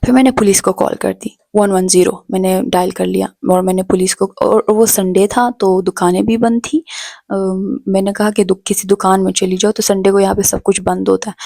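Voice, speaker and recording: A woman's voice: medium pitch, fairly even intonation, moderate pace, gravelly, a little mellow, no echo. A young woman from Pakistan telling her story in a chatty vlog, switching between Hindi-Urdu and English. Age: young adult. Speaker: vlogger.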